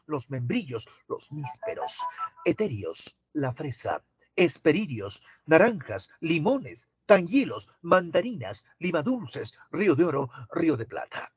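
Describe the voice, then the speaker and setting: A man teaching an online class, asking students drawn-out questions. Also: on the high side, breathy edge, no room sound.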